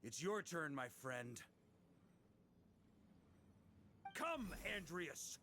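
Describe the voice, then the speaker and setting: An actor playing a seasoned, confident knight commander in a video game, casual and wry. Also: male voice, a little high, sing-song, slow, background noise. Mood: commanding.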